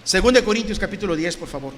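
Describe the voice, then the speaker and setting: High, bright-voiced preacher in a hall. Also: male voice, animated, very fast, a little hiss or hum. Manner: emphatic, rising to loud declamation, mock voices for critics. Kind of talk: sermon with Bible reading. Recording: reverberant hall, faint ambience.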